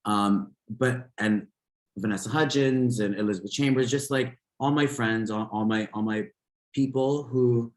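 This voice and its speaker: A man's voice: mid-range voice, unhurried, reverberant. A man guesting on an interview podcast, talking casually and rambling with many restarts and fillers. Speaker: podcast guest, fitness instructor.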